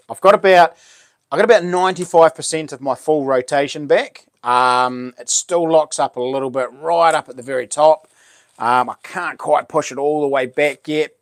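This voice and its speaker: A man's voice: medium pitch, no echo. Man with a broad Kiwi accent, close-sounding. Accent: New Zealand. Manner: broad, laid-back Kiwi slang, matey address. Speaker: live stream host. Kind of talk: casual livestream chat, reading out comments.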